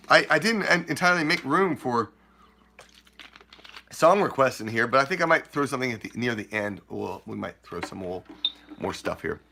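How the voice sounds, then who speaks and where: A man's voice: medium pitch, vocal fry, sharp tone. A man who is a Celtic folk singer and host, chatting loosely and joking with his audience between songs. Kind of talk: live concert singing with stage banter.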